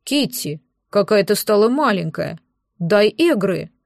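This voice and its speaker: A woman voicing a huge, always-hungry male dragon in an audiobook, speaking in a booming, slow grumble. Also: lively intonation, creaky, no room sound, studio quality. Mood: grumbling.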